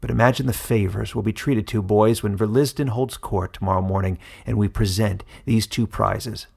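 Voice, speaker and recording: A man voicing a scheming, gloating captor leader in a spoken fantasy story, with a loud, commanding delivery and a low, gravelly, husky voice. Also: steady tone, normal speed.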